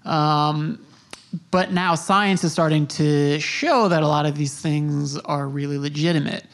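A woman hosting a casual interview podcast. She asks her questions haltingly, with many fillers and restarts. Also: low-pitched, steady tone. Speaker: podcast host.

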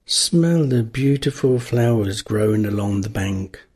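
A man narrating a guided meditation, giving calm, gentle instructions with long pauses. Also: fairly low pitch, breathy edge.

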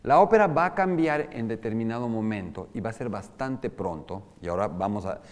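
A man with a Mexican Spanish accent lectures on opera in a large hall, and his words trail off into a long reverb. His voice sits on the low side. He talks loosely, stops to ask the group questions and sings brief examples. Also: expressive, brisk. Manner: explains with sung and spoken examples, asks the audience questions. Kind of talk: informal lecture to a live group.

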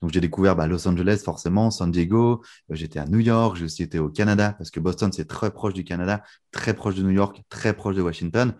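A young man from France talks freely as a guest in an interview. His voice sits fairly low, and he drifts along with easy fillers and restarts. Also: fairly quick, few pauses. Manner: relaxed, many fillers and restarts. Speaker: guest magician. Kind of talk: casual interview chat.

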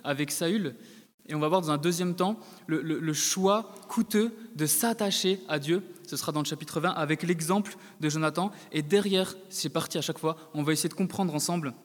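A male preacher giving a sermon to his congregation, talking directly to them with frequent hesitations and repeated words. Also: a little high. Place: church hall. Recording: long hall reverb.

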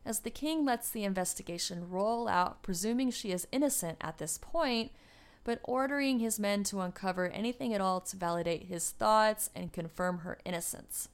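A woman narrates history for her podcast in a scripted, storytelling way. She throws in wry asides now and then, and her voice sits in an ordinary middle pitch. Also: smooth. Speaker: podcast host.

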